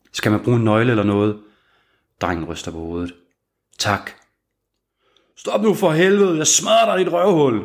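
Brief: male audiobook narrator, somewhat low pitch, measured thriller delivery.

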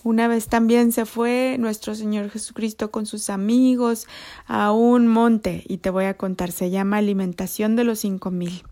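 A woman telling Bible stories to children in a gentle way, often dropping to a whisper. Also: mid-range voice, level tone, normal speed. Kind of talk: storytelling for children.

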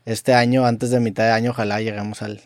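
A young man with a Mexican accent hosting a casual podcast, relaxed and slangy. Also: lowish voice, quick pace, dry recording, clean studio sound. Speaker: podcast host.

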